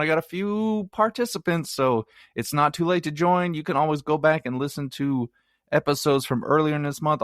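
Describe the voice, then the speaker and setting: A man's voice: fairly high pitch, fairly bright tone, no echo, clean studio sound. A man hosting his own movie review podcast, chatty and rambling, with self-mocking asides. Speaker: podcast host.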